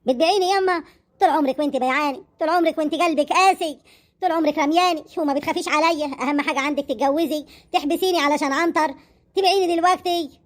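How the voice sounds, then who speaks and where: Egyptian comic actress, loud and theatrical, high-pitched, rapid delivery. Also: female voice. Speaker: comedy sketch performer. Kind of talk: comic village sketch acting.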